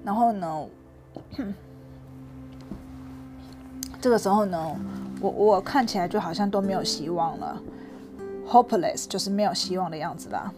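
A woman's voice: medium pitch, moderate pace, pauses often, music in the background. A woman telling a children's story aloud, chatty and asking her young listener questions, dropping in English words.

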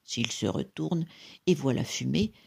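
A storyteller voicing a calm, wise old male beggar with a husky voice, in a slow, firm storybook manner. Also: medium pitch, full character voice. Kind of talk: storybook character voice.

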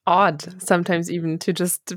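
Low-voiced woman hosting a podcast. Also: little pitch movement, normal speed, fairly bright tone, no room sound, clean studio sound. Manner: friendly, laughs easily, hesitant fillers. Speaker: podcast host. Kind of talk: casual interview hosting. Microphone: video call.

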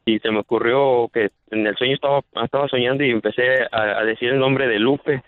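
A man's voice: medium pitch, fairly even intonation, brisk. Caller guy on a tinny phone line, rambling and hesitant.

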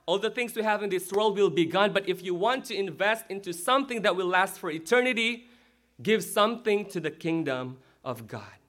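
A male pastor giving a lively sermon in a church and checking in with the crowd as he goes. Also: high voice, normal speed.

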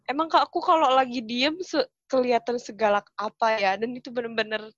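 A woman's voice: fairly high pitch, brisk, no room sound. Talkative young woman, dry dull sound. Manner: lively, talkative, laughs easily. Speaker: podcast co-host. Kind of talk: casual chat.

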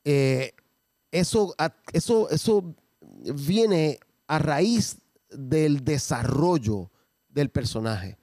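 A man, a comedian talking casually and reflectively with frequent pauses. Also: a little high, lively intonation, a little mellow, dry recording, clean studio sound. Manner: measured, pauses often, reflective. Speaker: comedian and character performer. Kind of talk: casual conversation.

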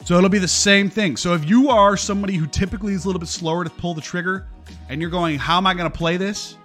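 A man's voice: high-pitched, steady tone, fast, a bit bright, faint music behind. A man giving casual, profane live-stream commentary on markets, talking to his viewers and reading out their chat comments.

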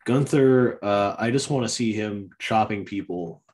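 A man co-hosting a casual podcast chat, laid-back and quick to laugh. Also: lowish voice, a little mellow. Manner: laid-back, laughs often, jokingly plays a brash wrestler. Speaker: podcast co-host.

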